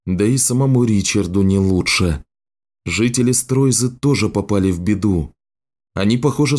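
A man reading a fantasy audiobook as narrator, in a measured, even manner. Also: fairly low pitch. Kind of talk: scripted narration.

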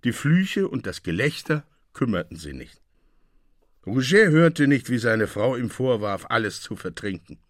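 A man narrating a classic short story as a radio reading, with lively, expressive delivery. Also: mid-range voice, a little slow, dry recording, clean studio sound.

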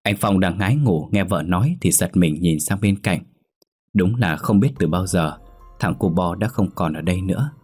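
A man narrating a scripted ghost story in a measured, dramatic way. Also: sits low, animated, a little mellow, breathy edge, faint music behind.

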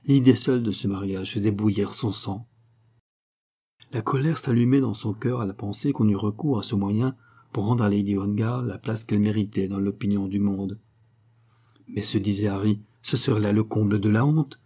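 Male audiobook narrator, mellow husky tone, steady classic-novel reading. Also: lowish voice, normal speed.

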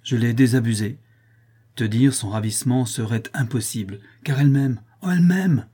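A man's voice: medium pitch, fairly even intonation, normal speed, dark tone, slightly rough, close to an everyday voice. A man voicing an emotional aristocratic marquis, effusive and familiar with his old servant. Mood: elated.

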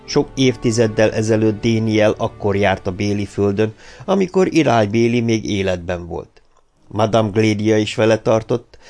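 Low-voiced man narrating an audiobook. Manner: measured, even storytelling. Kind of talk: scripted narration.

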